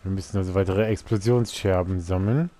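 Low, dark-voiced man commenting on a game. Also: fairly even intonation, a little fast. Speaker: let's player. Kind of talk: casual gameplay commentary. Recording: faint game noise behind.

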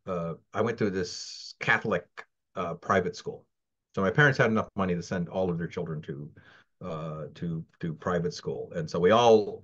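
A man in his sixties who grew up in the Philippines but has an American accent is a guest in a casual interview from home, in front of a virtual background. He rambles through his stories in a somewhat low voice, full of fillers and restarts. The video call audio sounds muffled and lo-fi.

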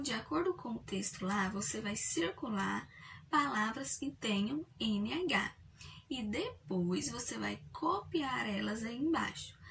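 A Brazilian woman teaches young children on video, sounding out syllables slowly and clearly. Her voice sits a little high, and she is recorded from some distance from the mic, with a faint hiss behind her. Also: a bit bright. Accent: Brazilian Portuguese. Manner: slow, clearly spelled-out syllables for young learners.

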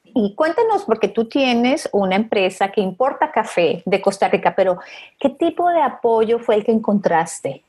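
A woman's voice: on the high side, sing-song, moderate pace, darkish tone, breathy edge. A middle-aged woman interviewing a guest over a video call through an earphone headset, asking encouraging follow-up questions. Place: home office.

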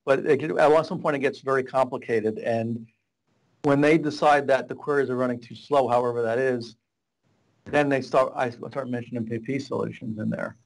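A gravelly, medium-pitched voice holds a steady tone at normal speed, though the recording is rough. It belongs to a middle-aged data warehouse architect on a webcam video call from a small office with a whiteboard, giving long, rambling explanations full of restarts and gestures in a casual interview.

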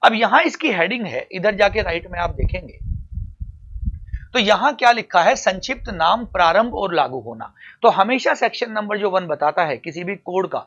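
Addressing his exam-prep students as "beta" and "champion", a male coaching teacher walks them through legal concepts. He sounds high, animated and a bit bright at normal speed, but the recording's upper frequencies are cut off.

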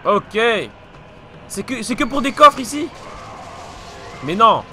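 A young man, still a little ill, commenting on his gameplay with frequent swearing and frustrated shouts. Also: very high-pitched, lively intonation, slow pace, slight background noise. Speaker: let's play gamer. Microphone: desk mic. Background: game music.

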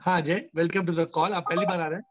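A man in his fifties with an Indian accent, a host and spiritual teacher, leads a question-and-answer spiritual discourse filled with emphatic, repeated rhetorical questions. His slightly high, a bit bright voice is steady in tone and rapid-fire. It comes through a video call with dull, compressed audio.

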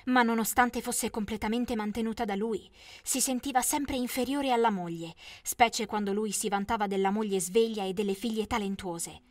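A woman narrates an animated story in the first person with steady, scripted delivery. Her voice sits fairly high. The recording is dry and close to the mic. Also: moderate pace, hardly any pauses, no echo.

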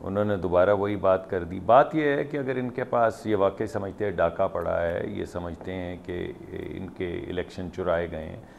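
Gravelly man arguing over a muffled link. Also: low voice, moderate pace, hardly any pauses. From Pakistan. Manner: insistent, argues point by point. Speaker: political panelist. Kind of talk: heated political debate. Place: remote studio link. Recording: muffled remote link with faint noise.

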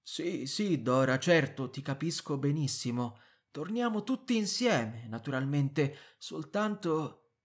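A flustered husband, played by a man in an audiobook, a little higher and louder than plain speech. He hedges and stammers, trying to calm things down. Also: slow. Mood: placating. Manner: hesitant, placating, stammering. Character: flustered, evasive middle-aged husband. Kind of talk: audiobook character reading.

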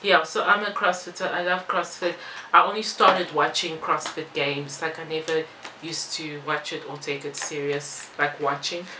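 Her voice sits low, with fairly even intonation at a moderate pace, while the beauty vlogger, originally from Belgium and now in South Africa, chats through a makeup tutorial and Q&A. Busy applying makeup, she rambles into casual asides. The recording from her small bare-walled indoor room is echoey, with some background noise.

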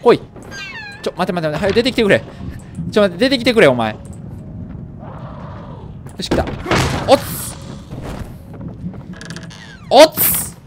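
A man's voice: high voice, big pitch swings, measured pace, pauses often, background noise. A man with a Kansai accent commenting on a horror game he plays, letting out startled yelps and joking curses. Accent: Kansai Japanese. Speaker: gamer.

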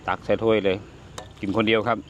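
A man's voice: fairly low pitch, little pitch movement, quick pace, muffled recording, a little hiss or hum. An older man, hosting a casual cooking vlog and chatting while he tastes the food. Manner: chatty, exclaims over food while tasting. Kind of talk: casual cooking and tasting talk.

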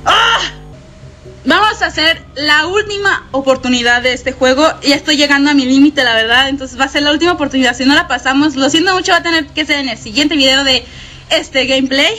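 A woman's voice: high voice, brisk, bright, forceful tone, faint music behind, poor audio. A young Mexican woman with a Mexican Spanish accent, doing frightened horror game commentary full of swearing, nervous laughter and shrieks. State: scared and shaky. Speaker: gameplay streamer.

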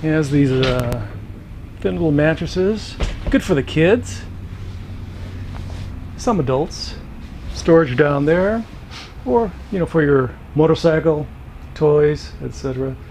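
A man's voice: lively intonation, slow pace, pauses often, a little mellow, low-quality recording. A man giving a casual walking tour of RV trailers on a dealer lot, talking offhand with lots of "uh"s. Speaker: RV vlogger. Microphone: handheld or body camera. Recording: outdoor camera audio with traffic noise. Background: highway traffic noise.

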